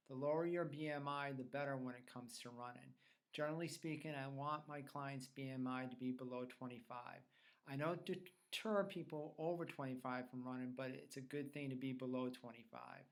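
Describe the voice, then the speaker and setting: A man presents an instructional fitness tutorial in a mid-pitched voice. He explains things plainly, one step after another, as a trainer would to clients. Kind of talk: instructional explanation of self-tests.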